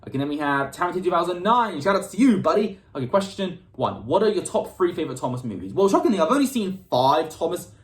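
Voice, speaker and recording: A man's voice: high-pitched, sing-song, fast talker, hardly any pauses, reverberant. A British man from the United Kingdom, answering fan questions in a casual, upbeat chat, reading each question aloud and often restarting his words.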